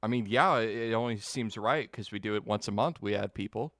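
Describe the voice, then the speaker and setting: Bright lively podcast host guy, laid-back and swearing, dry close mic. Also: fairly low pitch, a little fast, no room sound. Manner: laid-back, laughs often, profane. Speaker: podcast co-host running the segments. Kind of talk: casual chat.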